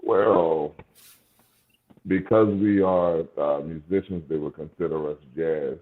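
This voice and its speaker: A man of about forty from New Orleans with a smooth, velvety voice, chatting casually as a musician guest in an interview. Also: a bass voice, steady tone, slow, slight background noise. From New Orleans, USA. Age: around 40. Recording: thin, phone-like call audio.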